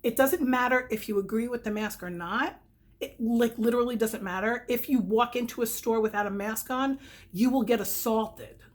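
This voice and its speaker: A middle-aged woman who lives in New York, United States, chats casually about products as a vlogger and direct-sales consultant, rambling, correcting herself, and speaking candidly. Her voice is a little high and moves at a moderate pace. Her s sounds whistle and are slightly spitty.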